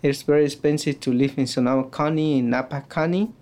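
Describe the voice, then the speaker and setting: A community worker from Oaxaca, Mexico, whose first language is Triqui, gives an interview in halting, simple phrases with a Mexican Spanish accent. His voice is on the high side, steady and darkish in tone.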